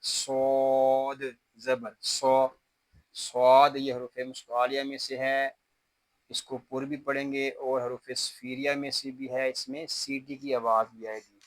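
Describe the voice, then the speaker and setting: A man with an Urdu accent teaching Quran recitation, spelling each word slowly letter by letter and then explaining the rules. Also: medium pitch, flat delivery, dry recording, poor audio. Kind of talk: word-by-word tajweed spelling lesson.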